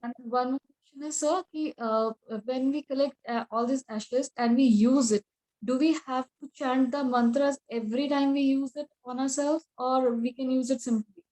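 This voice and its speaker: A woman's voice: high voice, steady tone, normal speed, dark tone, low-quality recording. A woman with a North Indian accent, a native Hindi speaker, asking questions in a class politely and a little hesitantly. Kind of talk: casual class discussion. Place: online group class call.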